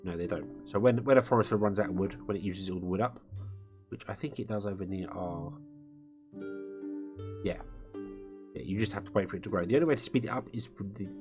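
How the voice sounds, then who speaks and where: Brief: male game streamer thinking aloud as he plays, music clearly audible behind. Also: lowish voice, fairly quick, long pauses. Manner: rambling, thinking aloud with fillers. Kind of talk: live gameplay commentary. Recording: music playing under the voice. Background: guitar music.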